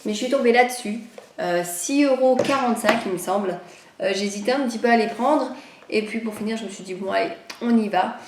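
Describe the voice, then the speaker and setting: A woman's voice: a little high, brisk, reverberant, noisy background. Slightly nasal woman, rambling and hesitant. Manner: rambling, hesitant, many fillers. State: recovering from a cold. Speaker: vlogger. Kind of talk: casual chat.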